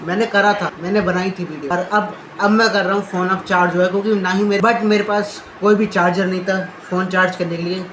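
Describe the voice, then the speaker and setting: A man's voice: sits high, fairly even intonation, brisk, hardly any pauses, a bit bright. A man vlogging casually into a handheld phone at home and up on a rooftop. He rambles, repeats words and restarts his sentences as he chats. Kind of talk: casual vlog chat. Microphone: handheld phone camera. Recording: noisy outdoor ambience.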